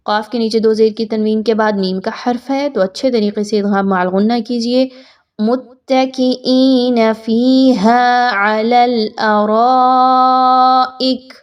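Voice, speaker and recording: A woman teaching Quran recitation, giving brisk explanations and then reciting verses slowly with long drawn-out notes. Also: mid-range voice, steady tone, far from the mic, lo-fi sound. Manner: alternates brisk Urdu explanation with slow drawn-out Arabic recitation. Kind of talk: tajweed lesson, explaining and reciting.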